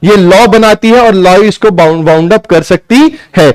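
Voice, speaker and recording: A man teaching a live online law class, talking loudly, mixing Hindi with legal lines and firing quick questions that he answers himself. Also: high voice, clean tone, low-quality recording. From India. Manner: loud, quizzes students and answers himself; mixes Hindi with read-out English lines.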